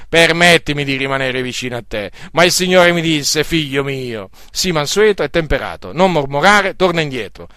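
A man delivers a sermon in a pitch a little above the usual, with a smooth, resonant tone. He speaks in an earnest, measured way and presses his listeners with fervor. The sound is dry and close, with no room echo. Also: fairly bright tone. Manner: earnest, measured reading aloud that turns into fervent exhortation. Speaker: preacher.

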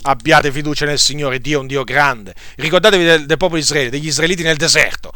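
Guy preaching a sermon, slightly high voice, lots of rhetorical questions, dry sound. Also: quick pace, bright, forceful tone, clear, resonant tone, no echo. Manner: rhetorical questions, emphatic exhortations.

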